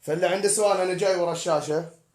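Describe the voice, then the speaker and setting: A man's voice: high-pitched, fairly even intonation, very fast, a little mellow. A man teaching poetic meter in a live-streamed lesson, spelling out words letter by letter as he explains. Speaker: poetry teacher. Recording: echoey room, distant mic.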